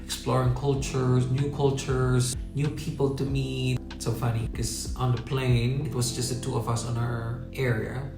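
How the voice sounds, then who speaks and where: A man's voice: mid-range voice, creaky. A man from the Philippines chatting casually in a travel vlog, reflective and laughing at himself. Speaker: travel vlogger. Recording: echoey room with guitar music. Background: guitar music.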